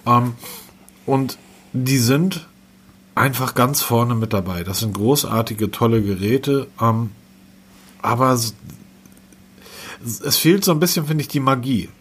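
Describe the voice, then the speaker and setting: A man's voice: mid-range voice, a little slow, pauses often, a bit bright, husky. A man co-hosting a casual tech podcast, rambling with many fillers and restarts. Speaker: podcast co-host.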